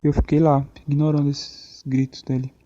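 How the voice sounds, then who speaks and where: An actor playing a male pop star with a Brazilian accent, telling a childhood memory in halting, reflective speech on a podcast in an animated film. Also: fairly high pitch, dry recording, close to an everyday voice. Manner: reflective, halting storytelling with many fillers. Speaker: podcast guest. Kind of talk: animated-film interview acting. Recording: slightly muffled, soft music behind.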